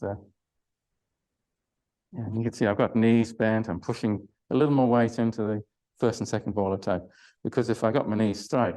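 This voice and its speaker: An older man teaches a Pilates class in a slightly low voice. He talks in a loose, chatty way, full of ums and restarts, and lets out effortful groans while he massages a sore spot. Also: a little mellow, rough recording. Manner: chatty, hesitant, many fillers and restarts. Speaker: Pilates instructor. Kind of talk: live online exercise class.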